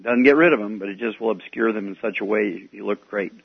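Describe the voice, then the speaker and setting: A man hosting a call-in health advice radio show, talking in an unhurried way with many "uh" fillers, taped off the radio. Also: fairly low pitch, creaky, husky. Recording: dull lo-fi radio tape with faint music.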